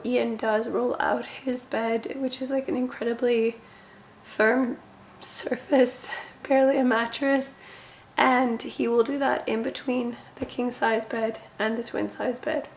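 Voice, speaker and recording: Young woman rambling casually in her bedroom, bit hoarse, kinda high and flat, lots of "like". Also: a little hiss or hum. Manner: chatty, relaxed, with frequent "like" fillers. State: voice somewhat hoarse. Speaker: parenting vlogger. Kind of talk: casual home tour talk. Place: her bedroom, seated indoors.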